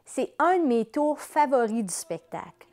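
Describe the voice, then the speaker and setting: A woman's voice: high-pitched, sing-song, measured pace, darkish tone. A woman with a Quebec accent enthusiastically explaining her children's show in a promotional interview. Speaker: children's entertainer, company president.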